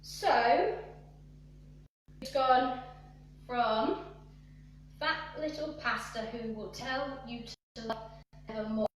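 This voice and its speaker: A woman's voice: on the high side, slow, long pauses, distant mic, a little hiss or hum. A young woman leading a live online dance workshop, talking through the moves and counting and singing along to the music. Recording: echoey room, voice away from the mic.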